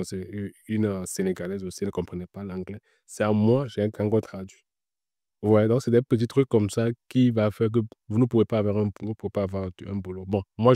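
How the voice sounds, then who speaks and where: In a clean, echo-free studio recording, an interview guest from the Web3 world offers casual career advice, explaining things, going over his points again and filling gaps with frequent fillers. He speaks at a fairly low pitch with a dark tone.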